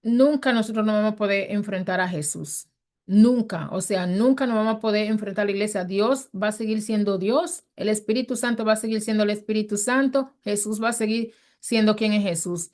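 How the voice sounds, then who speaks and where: A woman's voice: medium pitch, fairly quick, a little mellow. A woman teaching a Bible study in a conversational sermon style, earnest and emphatic. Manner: earnest and emphatic, acts out quoted speech.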